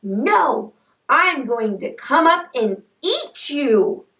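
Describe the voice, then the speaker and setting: A woman voicing a mean, hungry male troll who speaks gruffly and demands in a children's story. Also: high voice, big pitch swings, drawn-out words, fairly bright tone, reverberant, distant mic, exaggerated voice, rough recording.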